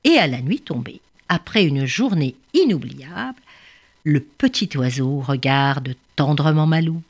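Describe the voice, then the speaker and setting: A woman storyteller narrating a children's tale in a lively, expressive way. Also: sits low, measured pace, husky.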